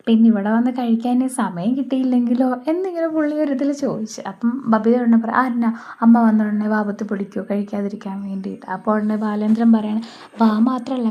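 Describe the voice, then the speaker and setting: A woman's voice: fairly high pitch, lo-fi sound. Chatty Malayali woman recapping a serial. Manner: chatty, retells the characters' lines in her own voice. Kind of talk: casual retelling of a TV serial episode.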